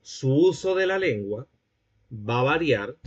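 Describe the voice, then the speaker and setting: Guy teaching a class, mid pitch, kinda muffled lo-fi sound. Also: animated, slow, breathy edge. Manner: explanatory, checks understanding with the class. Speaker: lecturer. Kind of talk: classroom lecture.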